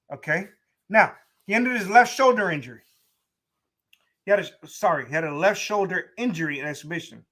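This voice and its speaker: A high-voiced young man hosting a sports talk show. He talks to his listeners in a loose, animated way and often repeats and restarts his points. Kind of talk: casual sports commentary.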